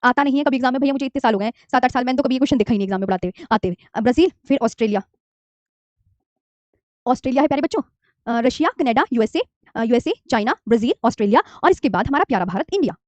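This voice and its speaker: A woman's voice: on the high side, expressive, very fast, darkish tone, dry recording. A woman in her thirties teaching a geography lesson, coaxing her students, repeating key terms and asking them to say them along. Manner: calls students "dear children", mixes English terms into Hindi. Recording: dry, slightly dull lo-fi mic.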